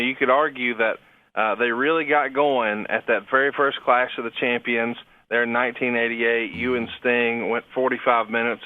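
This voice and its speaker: A man's voice: mid-range voice, dry recording. A man in his thirties co-hosting a podcast, talking enthusiastically and with a salesy push. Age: 30s. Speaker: podcast co-host. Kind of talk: upbeat podcast talk and ad reads. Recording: slightly dull, dry radio-like sound.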